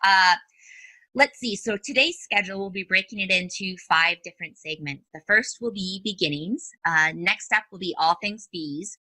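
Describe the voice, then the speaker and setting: A woman's voice: mid-range voice, moderate pace, pushed and bright, no room sound, rough recording. A woman podcast host with a Minnesotan accent, upbeat and chatty, laughing easily as she interviews a guest.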